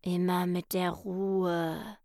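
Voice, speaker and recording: Woman doing a slow raspy old snail. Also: mid-range voice, darkish tone, no echo, clean studio sound. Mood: unhurried. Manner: slow, drawling, half-whispered.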